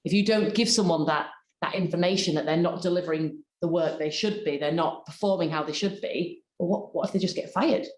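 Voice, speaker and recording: A woman speaks as a personal development coach leading a workshop, with a slightly low voice. She talks in an expressive, deliberate coaching manner. Her voice carries a roomy echo. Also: a little hiss or hum. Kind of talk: workshop presentation.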